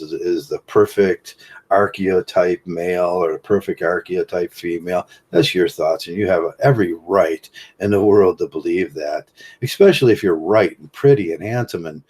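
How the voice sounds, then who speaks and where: Man, very low voice, casual livestream host, rambling, lots of fillers, chuckles at his own jokes. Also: a little mellow, breathy edge.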